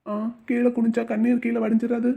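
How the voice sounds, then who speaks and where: Lady doing a quick-talking cheeky village guy in a cartoon, kinda high. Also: monotone, vocal fry, warm tone, husky. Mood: teasing. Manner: quick, teasing, mock-dramatic. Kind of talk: Tamil cartoon voice acting.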